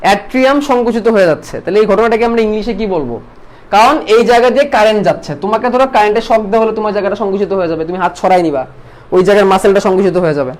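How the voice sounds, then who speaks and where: A man teaching biology in an online class, asking students the same question again and again before answering it himself. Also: high-pitched.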